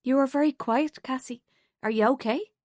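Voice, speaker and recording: Lady doing a higher eager young woman voice, earnest, a bit breathless, dry close sound. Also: moderate pace, a little mellow, no echo, close to an everyday voice.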